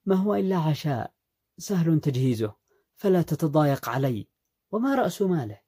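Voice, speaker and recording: A man's voice: mid-range voice, animated, brisk, warm tone, husky. A man voicing a lazy, carefree young wife who talks in a nonchalant, dismissive way. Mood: careless.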